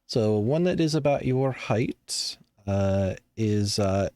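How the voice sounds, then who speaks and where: A man runs a tabletop game as its narrator. His voice sits fairly low and he speaks at an easy, hesitant pace, with frequent ums and uhs. The sound is dry and close. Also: takes it slowly, smooth, no echo. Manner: relaxed, hesitant, with many fillers. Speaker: game master.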